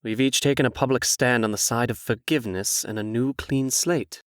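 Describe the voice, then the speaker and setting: A man plays a vain storybook prince, a smooth-talking schemer in a comic drama. His delivery is theatrical and falsely humble, at an average male pitch, in a dry, close recording. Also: fairly even intonation, moderate pace, fairly bright tone, no room sound, close to an everyday voice. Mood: falsely contrite. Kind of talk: comic dub acting.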